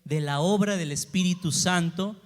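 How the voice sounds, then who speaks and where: A man delivers a sermon in a high voice. He keeps asking his congregation questions and answering them, swinging between forceful emphasis and soft asides. The sound carries the long reverb of a church sanctuary. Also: moderate pace. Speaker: pastor.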